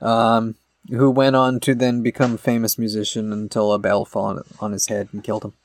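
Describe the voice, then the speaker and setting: A man's voice: lowish voice, little pitch movement, fairly quick. A man co-hosting a podcast in casual chat, rambling through explanations with many fillers. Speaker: podcast co-host.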